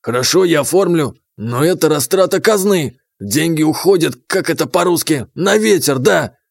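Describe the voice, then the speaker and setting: A fussy, pedantic court treasurer with a German accent protests in clipped, ungrammatical phrases, as a male narrator puts him on. His voice rides a little high and turns shrill when he is cornered, and the recording is close and dry. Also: lively intonation, normal speed, gravelly, no room sound. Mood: indignant. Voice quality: clipped, broken grammar.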